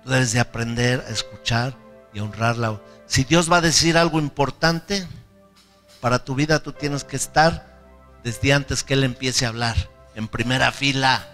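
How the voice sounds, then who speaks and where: A man's voice: mid-range voice, fairly even intonation, normal speed, a bit bright, big-room sound, soft background music. A male pastor preaching a sermon with fervor. He repeats key phrases and leads the congregation in prayer.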